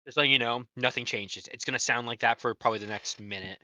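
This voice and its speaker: A man's voice: mid-range voice, fast talker, pushed and bright, no echo. A man chatting casually and jokingly as a player in a tabletop role-playing game.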